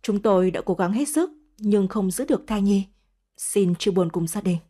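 A woman voicing a male doctor giving formal, gentle condolences. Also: mid-range voice, moderate pace, lightly acted. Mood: solemn. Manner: formal, consoling.

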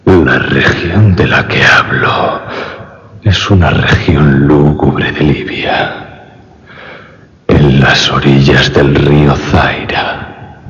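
A man voicing a solemn ancient demon in a radio story reading, speaking slowly and drawn out as if from far away. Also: steady tone, fairly bright tone, soft background music, heavily acted. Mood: ominous. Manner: slow, drawn-out, booming from afar. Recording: distant, long-reverb, muffled radio.

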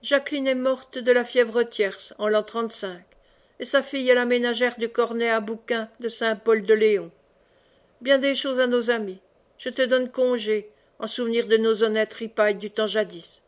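A woman's voice: fairly high pitch, steady tone, normal speed, natural voice. A woman reading the part of a merry, chatty old friar who brawls and banters, in an audiobook. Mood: jovial. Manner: merry, rambling, teasing.

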